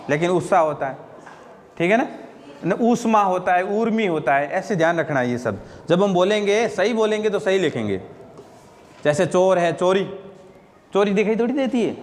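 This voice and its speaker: High-voiced man teaching Hindi grammar. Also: in a large hall. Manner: asks and answers own questions, repeats "ठीक है ना?". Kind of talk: classroom lecture.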